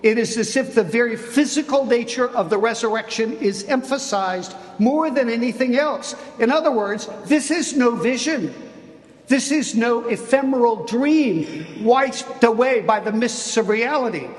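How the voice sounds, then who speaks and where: Bishop preaching in a cathedral: a man with a high voice, slow and emphatic, long reverb. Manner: deliberate, emphatic preaching with dramatic pauses. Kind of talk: sermon.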